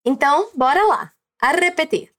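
High, lively Brazilian woman teaching Spanish. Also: moderate pace. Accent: Brazilian Portuguese. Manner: encouraging, prompts listener to repeat. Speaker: Spanish teacher and podcast host. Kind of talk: language lesson podcast.

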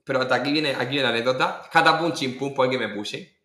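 Animated Spanish man telling anecdotes. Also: medium pitch, fast talker. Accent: Murcian Spanish. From Spain. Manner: animated anecdote-telling, acting out voices with laughs. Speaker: guest singer. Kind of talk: casual storytelling in a podcast interview. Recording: echoey room.

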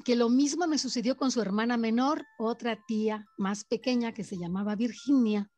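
A woman, a guest casually telling of spirit visits in an animated way, often turning to her listener. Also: a little high, normal speed, no echo. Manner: animated, keeps asking the listener to imagine. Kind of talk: casual storytelling.

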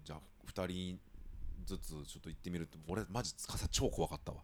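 A man's voice: sits low, brisk. A man hosting a casual podcast chat with friends and reading out listener mail, laughing often as he talks. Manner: animated, laughs often while talking.

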